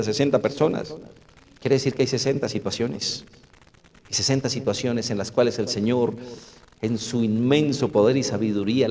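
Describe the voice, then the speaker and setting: A man's voice: medium pitch, creaky, darkish tone. A middle-aged man, a pastor preaching a sermon to a congregation, often asking rhetorical questions and calling out to his brothers. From Colombia. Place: church hall with about fifty or sixty people. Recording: echoey church hall.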